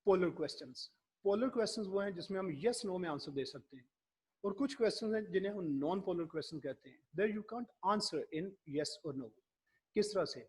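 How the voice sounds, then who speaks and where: A man giving a classroom lecture, explaining slowly and acting out his examples. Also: sits high, a little mellow, breathy edge.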